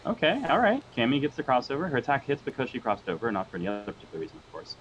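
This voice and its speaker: A man's voice: medium pitch, lively intonation, rapid-fire, slight background noise. A man co-commentating a card game match, analytical with dry jokes, heard over a weak, lo-fi connection. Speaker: co-caster. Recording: dull lo-fi sound from a weak connection.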